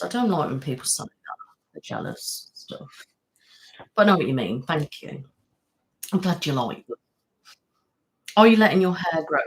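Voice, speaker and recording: In a low-quality recording, a woman with a lowish voice runs a casual live stream from home. She goes on and on in a chatty, rambling manner while responding to viewer comments.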